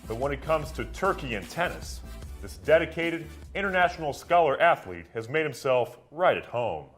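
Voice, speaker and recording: A man's voice: on the high side, very animated, normal speed, a bit bright, soft background music. A man delivering scripted broadcast news as an anchor and field reporter.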